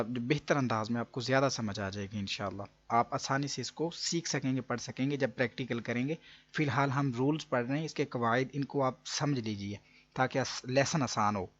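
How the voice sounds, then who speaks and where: A man's voice: mid-range voice, fairly quick, muffled recording. A man teaching an online recitation lesson, explaining patiently and repeating each rule step by step. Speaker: Quran reading teacher.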